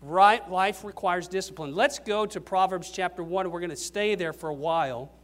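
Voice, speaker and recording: High-voiced older male preacher, emphatic. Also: normal speed, fairly bright tone. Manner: emphatic, rising on key questions then dropping low. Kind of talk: sermon.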